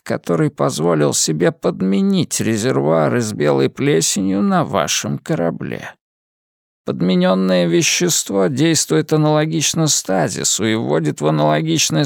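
A frail old man with a faint, rustling, gravelly voice, as a male narrator puts him on. He drags out each phrase with chilling courtesy. The read is close and dry, with no room around it. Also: a little high, dry recording, pitched above the performer's own voice, exaggerated voice. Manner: slow, measured, coldly polite. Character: frail old man, cold, menacing villain.

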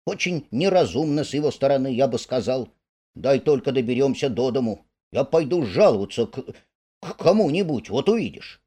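A man's voice: medium pitch, very animated, moderate pace, mellow, slightly rough. A man voicing a fussy, plaintive male mole who complains and quibbles in a storybook reading. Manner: whiny, pedantic complaining.

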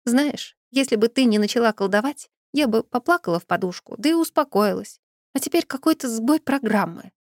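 A woman's voice: on the high side, animated, a little fast, no room sound, clean studio sound, voice pushed up. A woman voicing a young female friend in an audiobook, upset, blunt and sarcastic. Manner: sarcastic, sulky.

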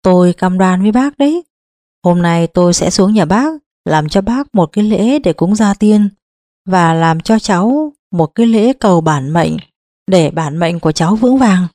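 A woman reading an audiobook, voicing a kind, calm elderly male village scholar who speaks slowly and reassuringly. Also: lowish voice, dry recording, studio quality. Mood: gentle reassurance. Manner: slow, reassuring.

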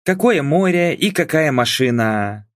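A man's voice: fairly high pitch, animated, unhurried, dry recording, voice pushed up. A man voicing a young adult daughter who argues with her parents in a dry, sarcastic, reasoning tone.

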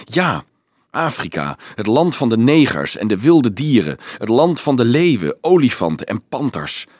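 A man's voice: mid-range voice, big pitch swings, moderate pace, no room sound, pitched above the performer's own voice. A man reading an earnest teenage boy who hesitantly, then urgently explains things to a crowd of children, in an audiobook.

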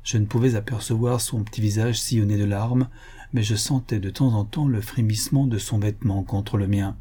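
Husky, mellow male narrator. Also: on the low side, steady tone, fairly quick. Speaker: audiobook narrator. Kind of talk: scripted narration.

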